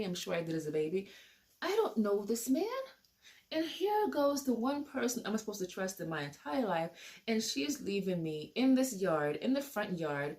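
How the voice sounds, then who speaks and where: A woman's voice: on the low side, darkish tone. A woman telling a personal story to camera in a casual, rambling way, repeating and restarting her sentences.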